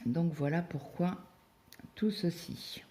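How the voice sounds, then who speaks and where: A woman's voice: lowish voice, slow, mellow. A woman in her fifties chatting casually as she cross-stitches, telling stories with lots of hesitations and tag words, recorded on a phone. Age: 50s. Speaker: craft vlogger.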